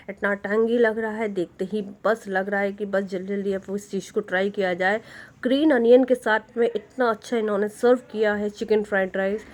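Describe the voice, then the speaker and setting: A woman vlogging outdoors at a market in the evening. She talks in a chatty, enthusiastic way into a handheld phone and sprinkles English words into her talk. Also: medium pitch. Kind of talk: casual vlog narration.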